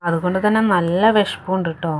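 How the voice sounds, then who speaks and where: A woman's voice: fairly low pitch, fairly even intonation, quick pace, crowd noise, background noise. A woman, a mother narrating a casual vlog from a hospital room in a chatty style that keeps adding little tag words. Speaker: vlogger, mother of the patient.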